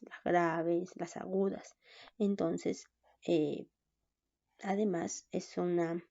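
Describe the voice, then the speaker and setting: A woman teaching a recorded online class, slow and patient, often checking in with "¿no?". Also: fairly low pitch, warm tone. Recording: dull lo-fi sound.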